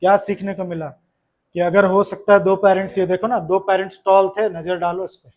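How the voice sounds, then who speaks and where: Man teaching a classroom lesson, high voice, chatty, keeps asking questions. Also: little pitch movement, moderate pace, a little mellow.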